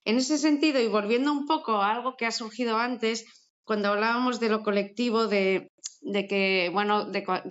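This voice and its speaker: A woman's voice: on the high side, fairly even intonation, moderate pace. Thoughtful woman, muffled sound. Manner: thoughtful, with frequent restarts and tag questions. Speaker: artist and project co-founder. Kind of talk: conversational interview answer.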